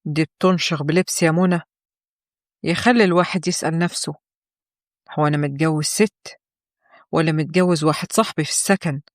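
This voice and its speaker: A woman's voice: low voice, steady tone, brisk, long pauses, dry recording, studio quality, pitched below the performer's own voice, lightly acted. A woman voicing a scornful Egyptian husband. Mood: contemptuous. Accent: Egyptian Arabic. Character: cold, scornful husband, adult man.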